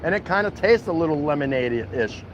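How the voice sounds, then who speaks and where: Somewhat high-voiced and expressive, this Milwaukee man walks and vlogs at a city food truck, talking a little fast in a loose, colloquial way. He's folksy and jokey with his regular livestream viewers, with faint street noise behind him and the highs cut off.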